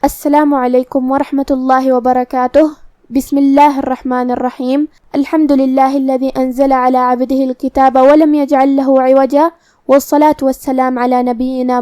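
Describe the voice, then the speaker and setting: A woman teaching Quran recitation rules, explaining pronunciation step by step and reciting verses slowly. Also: high voice, level tone, dark tone, clean tone, dry recording. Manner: explains articulation points methodically, then recites verses very slowly. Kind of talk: tajweed lesson with slow recitation.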